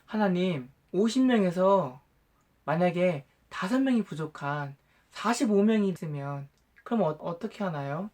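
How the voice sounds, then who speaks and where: Old Abraham from a Bible storybook, voiced by a man. He speaks with humble, earnest care, in the plain voice of a gentle storyteller. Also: sits high, lively intonation, measured pace. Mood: pleading.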